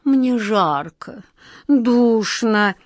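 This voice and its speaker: A woman's voice: no echo, clean studio sound, close to an everyday voice. A woman doing an imperious, angry wind queen. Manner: imperious and shrill, drawn-out words. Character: haughty, impatient wind queen of ice.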